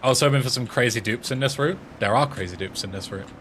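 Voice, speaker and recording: A little hiss or hum sits under the mid-range, slightly bright voice of this fast-talking young man from England. In his twenties, he's a streamer and speedrunner with an English accent, casually responding aloud to viewers' messages on a livestream.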